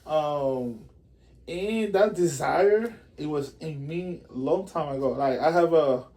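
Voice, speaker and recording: Man, lively and high. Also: slow pace. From Puerto Rico. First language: Spanish. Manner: animated, acts out quotes, says bro. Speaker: musician guest. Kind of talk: casual interview.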